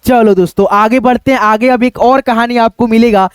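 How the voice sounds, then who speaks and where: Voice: mid-range voice, steady tone, normal speed, clean tone, no echo, studio quality. A reading teacher, giving a chatty read-aloud lesson and drawing out syllables.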